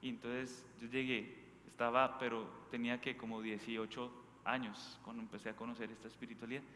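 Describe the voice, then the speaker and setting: Speaking a little fast, this Bogotá-accented priest has a bright, forceful mid-range voice with little pitch movement. His informal, anecdote-filled sermon stays conversational and emphatic, punctuated by quick questions to check in with the congregation. Faint noise hangs in the echoey hall.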